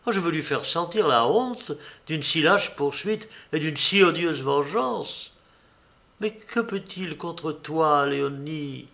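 A man's voice: fairly high pitch, sharp tone, full character voice. A man voicing a devoted, frightened young woman engaged to be married in an audiobook, with earnest, imploring delivery. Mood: indignant.

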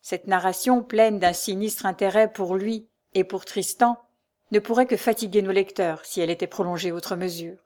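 A woman reading a nineteenth-century novel aloud with measured, expressive narration. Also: mid-range voice. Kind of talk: literary audiobook narration.

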